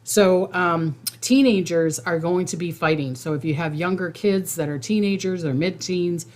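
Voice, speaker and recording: A woman speaks in a slightly low-pitched voice, chatting to her viewers as the host of a casual livestream. Her delivery is informal and rambling, and she repeats phrases to drive them home. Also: normal speed, darkish tone. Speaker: psychic host giving monthly predictions.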